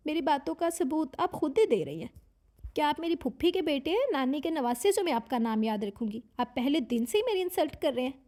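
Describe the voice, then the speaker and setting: A chattering young secretary who is easily flustered, voiced by a woman reading a romance novel aloud. Her voice sits high and she rushes between words. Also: expressive.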